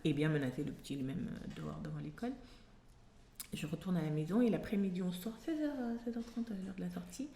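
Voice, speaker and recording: A woman guest with a French accent tells stories at a rapid clip, laughing and acting out the people she describes. Her voice sits at a middle pitch. The room is echoey, with faint noise behind her. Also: vocal fry. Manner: animated storytelling, acting out voices, laughs often. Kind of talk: casual interview storytelling.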